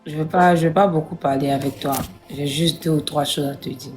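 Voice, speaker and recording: A woman with a West African French accent argues with firm insistence in a comedy sketch. Her voice is notably low for a woman, and faint music plays behind her. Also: steady tone, fairly quick, darkish tone. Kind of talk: comic argument sketch.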